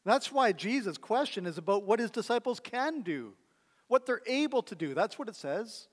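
High-voiced pastor preaching in a reverberant hall. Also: male voice, big pitch swings, normal speed. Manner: conversational preaching with rhetorical questions. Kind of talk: sermon. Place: church sanctuary. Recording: long church hall reverb.

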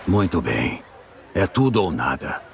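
A gruff monster hunter for hire in a video game. His voice is low and his delivery terse and deadpan, with faint ambient noise behind. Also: a little slow, heavily acted. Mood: dry, calm. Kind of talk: dubbed video game acting.

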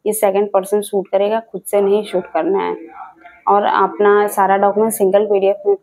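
A woman's voice: mid-range voice, level tone, moderate pace, a little mellow, rough recording. A young woman from India hosting a job vacancy channel, explaining the details to camera and repeating the key points, recorded indoors on a clip-on mic. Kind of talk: informational video talk to camera. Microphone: clip-on mic seen on scarf.

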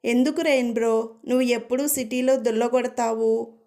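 A woman's voice: a little high, steady tone, normal speed, dark tone, natural voice. Woman reading a slangy male wind god. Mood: easygoing. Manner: casual slangy chatter.

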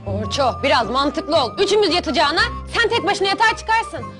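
A woman's voice: extremely high pitch, sing-song, brisk. A woman acting in a comic sketch, teasing in a dry, matter-of-fact way. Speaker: comedy sketch actor. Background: background music.

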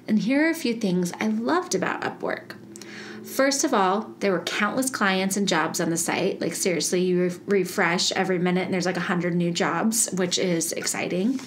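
Speaking at a fairly low pitch and a moderate pace, this woman runs her own podcast solo, chatty and bubbly, often breaking into laughter with her listeners. A little hiss or hum sits under the recording.

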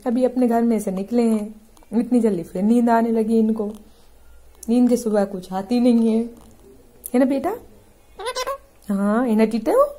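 A woman's voice: on the high side, a little slow, pauses often, mellow. A woman talking in cooing, giggly baby talk to her pet parrot. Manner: affectionate, giggly, sing-song.

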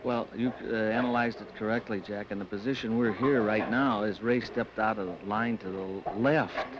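A man with a lowish voice offers color commentary on a bowling match. He talks haltingly, trailing into fillers and restarts. The sound is muffled and hissy, like old broadcast audio. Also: fairly even intonation.

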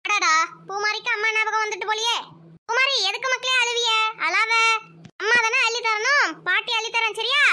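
Woman doing a shrill scheming cartoon grandma. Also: fairly even intonation, moderate pace, noisy background. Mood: coaxing. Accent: Kanyakumari Tamil. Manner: coaxing, sing-song, turns snippy. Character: scheming old grandmother, sweet then sharp-tongued.

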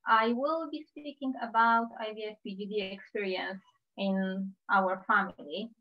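A Polish woman in her thirties, invited to speak, gives a talk over a video call about her own life. Her mid-range, Polish-accented voice is careful, measured and heartfelt, picked up by a computer mic with slightly dull audio.

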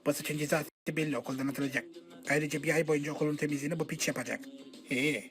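A man voicing a stern, crude school authority figure who threatens pupils haltingly in a comic parody film dub. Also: fairly high pitch, fairly even intonation, fairly bright tone, faint music behind. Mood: stern, threatening.

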